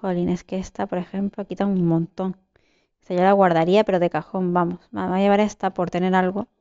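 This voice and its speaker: A woman's voice: on the low side, flat delivery, brisk, warm tone, no room sound, highs cut off. A young woman with a Spain Spanish accent giving casual gameplay commentary, chatting to herself and her viewers, with sudden shrieks and swearing. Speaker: gameplay streamer.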